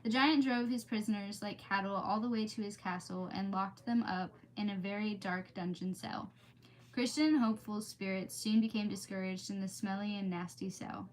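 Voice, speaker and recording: The audio is poor, but the woman's mid-range voice comes through as she reads aloud on a livestream. Her talk with viewers is casual, informal and prone to tangents between bits of the storybook.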